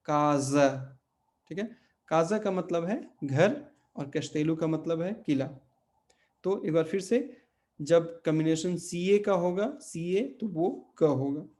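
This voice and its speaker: Slow-speaking male teacher. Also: a little high, dark tone. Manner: slow, explains step by step, many fillers and check questions. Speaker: Portuguese language teacher. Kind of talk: online language lesson.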